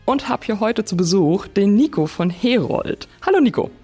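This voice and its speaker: A woman's voice: medium pitch, sing-song, normal speed, dark tone, slightly rough, soft background music. A young woman hosting a casual interview, upbeat, asking questions and praising her guest with lots of repeats. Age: young adult. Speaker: host, interviewer.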